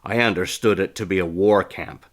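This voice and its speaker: A man's voice: low-pitched, normal speed. A man reading an audiobook as a defiant, angry young male fighter with clipped lines.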